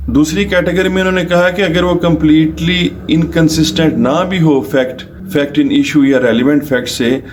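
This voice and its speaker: A Pakistani-accented man from Pakistan gives a law lecture as a lawyer, working through points methodically step by step, restating them and mixing in English legal terms. His voice is on the high side, with slight background noise.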